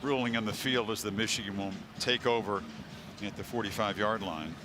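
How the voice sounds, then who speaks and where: A man's voice: on the low side, fairly quick, noisy background. A man calling live football play-by-play as a broadcast announcer.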